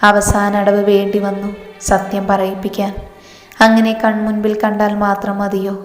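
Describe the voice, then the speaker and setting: A woman's voice: mid-range voice, completely flat delivery, normal speed, close to an everyday voice. A woman voicing a stubborn, teasing young man who presses with insistent questions, in a storybook reading. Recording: roomy reverb with faint music.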